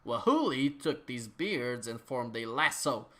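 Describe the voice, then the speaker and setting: This theatrical reading of a ridiculous tale comes from a male narrator with a medium-pitched voice, who stretches his lines with exaggerated gravity for comic effect. He sounds expressive and somewhat bright, never rushing.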